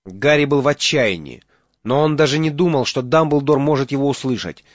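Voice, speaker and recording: Man reading an audiobook, steady storyteller voice, dry and kinda lo-fi. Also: mid-range voice, moderate pace, no echo. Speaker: audiobook narrator. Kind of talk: scripted narration.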